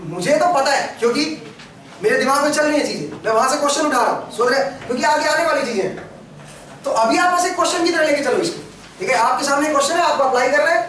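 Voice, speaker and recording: A man's voice: very high-pitched, fairly bright tone, slight background noise. A man teaching an engineering class, firing questions at his students and answering them himself. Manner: questioning, prompts students constantly. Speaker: engineering lecturer. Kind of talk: classroom lecture. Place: large echoey classroom. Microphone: camera far from the speaker. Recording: echoey classroom from far off.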